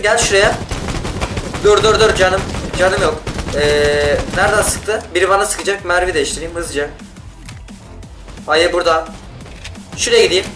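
A man giving casual gameplay commentary, excitable and yelling in bursts during fights, talking to the other players. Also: high-pitched, far from the mic. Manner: talks to other players and teammates. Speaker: gaming YouTuber. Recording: roomy sound, off-mic, loud game music. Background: game music and gunfire.

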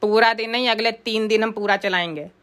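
A woman's voice: on the high side, steady tone, a little fast, lightly acted. A woman voicing a bossy young sibling who demands the laptop. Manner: bossy, cocky. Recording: loud background music.

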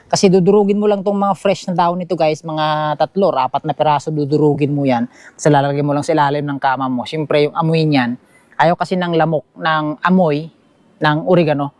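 A man's voice: fairly high pitch, steady tone, brisk, a little mellow, no room sound. A man with a Filipino accent giving a chatty walk-through of a small bamboo house outdoors, talking to his viewers while filming on a handheld action camera. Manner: chatty, keeps saying "guys", points things out. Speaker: vlogger giving a house tour. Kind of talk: casual walk-through vlog narration. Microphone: action camera held by the speaker.

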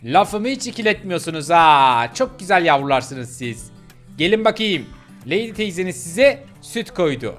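A man's voice: on the high side, very animated, normal speed, fairly bright tone, soft background music. A man voicing a caring, motherly woman in a game role-play, coaxing and scolding the puppies.

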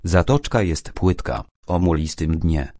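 A man narrating a first-person audiobook in a calm, measured way. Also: sits low, dry recording, clean studio sound.

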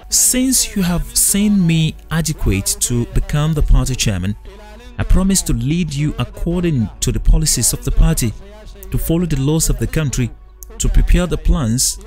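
A man narrating a news documentary in a measured, even reading voice. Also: a little high. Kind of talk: scripted news voice-over.

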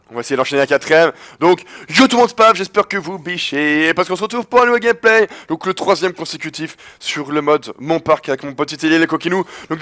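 A man giving excited live commentary over a basketball video game as the host of his channel, his voice worn from shouting, breaking into triumphant yells. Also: on the high side.

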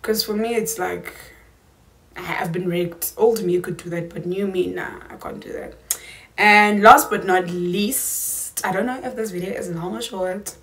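Speaking at a measured pace in a fairly bright, mid-range voice, a twenty-year-old woman with a South African accent answers questions in a casual vlog filmed in a small room. The YouTuber is chatty and emphatic, dropping slangy asides.

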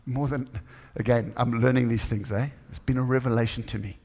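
A middle-aged man preaching a sermon in a church, animated, rising to exclamations and acting out dialogue. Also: mid-range voice, fairly quick. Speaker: guest preacher. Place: church hall. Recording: church hall with long reverb.

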